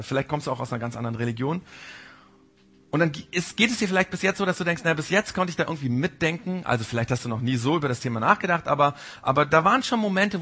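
A man preaching a sermon, speaking directly and informally to the congregation and sometimes acting out a gentle inner voice that warns. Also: fairly high pitch, husky. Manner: mimics the Holy Spirit's gentle warning. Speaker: pastor.

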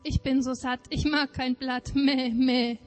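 A woman's voice: sits high, level tone, moderate pace, faint music behind, lightly acted. A woman voicing a deceitful nanny goat in a storybook, bleating sing-song rhymes. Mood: smug.

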